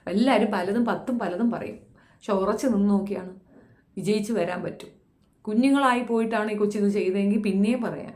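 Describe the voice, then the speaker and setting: A woman's voice: a little high, a little mellow, echoey room. A woman giving a blunt, impassioned commentary, scolding and firing rhetorical questions at young women. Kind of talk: impassioned social commentary monologue.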